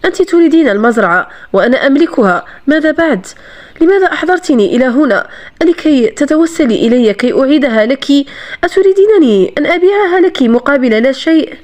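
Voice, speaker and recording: Woman reading cold sarcastic aristocrat man, curt, high voice, audiobook. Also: lively intonation, fairly quick.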